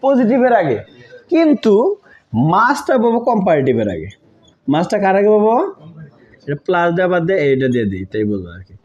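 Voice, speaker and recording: A man explaining grammar to students in a high, very animated voice. He repeats key terms and keeps checking that they understand. The recording sounds dull and lo-fi. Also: fairly quick. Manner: asks students to confirm, repeats key words. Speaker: English grammar teacher.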